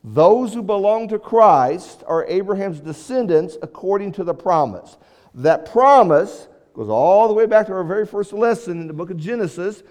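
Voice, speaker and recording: Male preacher, fairly high voice, easy conversational sermon delivery, church hall reverb. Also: darkish tone. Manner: conversational, repeats and restarts phrases. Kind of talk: sermon lesson to a congregation. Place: church auditorium.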